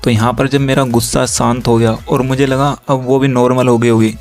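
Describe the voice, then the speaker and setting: A young man talks straight to his viewers about patching things up after a fight, reading chat messages aloud as he goes. His voice sits at an ordinary middle pitch and stays very flat, with little rise or fall. Light music plays faintly behind him. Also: brisk. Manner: reads chat lines aloud in a flat steady tone, addresses viewers directly. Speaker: relationship advice creator.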